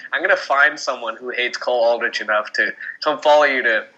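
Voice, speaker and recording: A man on a casual podcast who jokes around and laughs often. His voice is very bright with a husky edge. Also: medium pitch, brisk, muffled recording. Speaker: podcast co-host.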